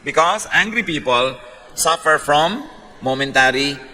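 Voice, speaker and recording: A man preaching a sermon, mixing Tagalog and English and telling stories with lively emphasis. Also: fairly high pitch, slow, slight background noise, rough recording.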